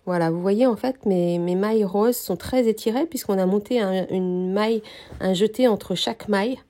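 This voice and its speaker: A woman teaching a knitting technique, explaining each step calmly with frequent hesitations, her voice slightly nasal from a cold. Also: medium pitch. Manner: calm, hesitant explaining with many pauses. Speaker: knitting instructor. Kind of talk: knitting tutorial.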